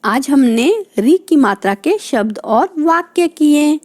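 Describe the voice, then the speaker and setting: Teacher woman, slightly high voice, drawn-out words for kids, slow and patient. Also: lively intonation, a little mellow. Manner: asks the children questions and explains each word. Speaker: primary school Hindi teacher. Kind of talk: recorded lesson for young children.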